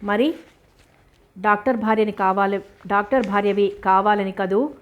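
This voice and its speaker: A woman's voice: mid-range voice, normal speed, lo-fi sound, close to an everyday voice. A woman voicing a grateful, affectionate young male medical student in a storybook reading, speaking earnestly and tenderly.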